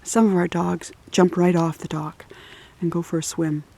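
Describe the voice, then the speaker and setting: A woman filming her dogs on a lakeside dock and chatting casually behind the camera, often dropping to a whisper and voicing the dogs in a high squeak. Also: flat delivery, normal speed, gravelly, mellow. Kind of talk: casual home video narration.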